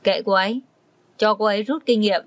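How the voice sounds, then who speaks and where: A woman's voice: mid-range voice, fairly quick, dry recording, close to an everyday voice. A woman voicing a busy young professor husband who turns firm and scolding. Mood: stern.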